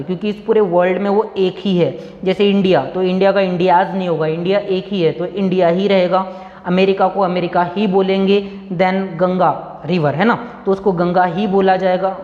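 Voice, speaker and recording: A man's voice: high-pitched, a little mellow. A man from India teaching English grammar in Hindi, spelling words out letter by letter and repeating key points for his students. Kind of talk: Hindi-medium grammar lesson. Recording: echoey room, dull lo-fi sound.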